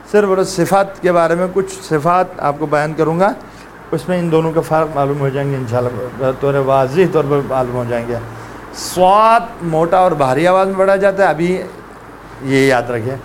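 A man with a fairly high voice gives a classroom tajweed lesson on pronouncing Quran letters. He drills the sounds aloud and coaxes his students to repeat them, with slight background noise.

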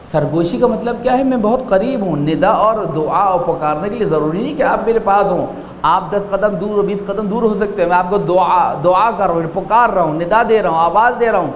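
A man delivers a sermon in a high, ringing voice that carries long reverb around a large hall. He hammers points with rhetorical questions and sinks to quiet, intimate passages. A faint hum of room noise sits underneath. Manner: emphatic rhetorical questioning, swinging from raised to hushed. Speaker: preacher.

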